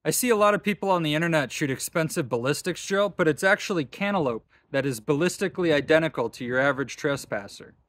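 A young man in his twenties hosting a gun channel, narrating a workshop project in a dry, deadpan comic voice. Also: on the high side, fast, few pauses, slight background noise. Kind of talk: deadpan comedic vlog narration. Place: workshop and backyard.

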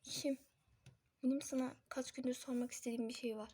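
A woman's voice: high voice, little pitch movement, quick pace, warm tone, slightly rough. A woman voicing a young man who questions and pleads with a friend in a doll-series drama. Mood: pleading. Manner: insistent, questioning.

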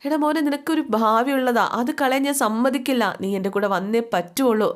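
A woman's voice: a little high, brisk, pitched above the performer's own voice, natural voice. A woman voicing a tearful older mother begging her son to come home. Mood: pleading. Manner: pleading, emotional.

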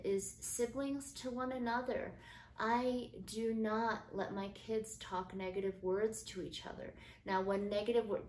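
A middle-aged woman hosting a podcast, talking in a casual, earnest and gentle way about parenting and faith. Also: mid-range voice, slight background noise. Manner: earnest, gentle, uses fillers like um. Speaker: podcast host. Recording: echoey room with faint ambience.

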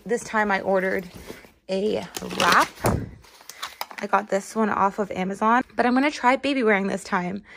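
A woman's voice: mid-range voice, vocal fry, fairly bright tone, slight background noise. A young woman in late pregnancy, chatting casually as she shows items one by one in a vlog. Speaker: vlogger. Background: background music.

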